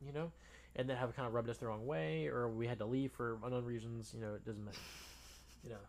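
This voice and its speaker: A young man co-hosting a podcast, chatting casually in a relaxed, rambling way with lots of fillers. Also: mid-range voice, fast, gravelly. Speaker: podcast co-host. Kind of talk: casual chat.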